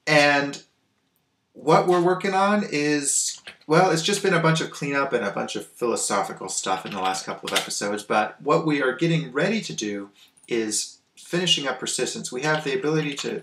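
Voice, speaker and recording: A man hosting a programming screencast, thinking aloud in a relaxed way with frequent ums and restarts. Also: medium pitch, echoey room, a little hiss or hum. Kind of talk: casual coding walkthrough.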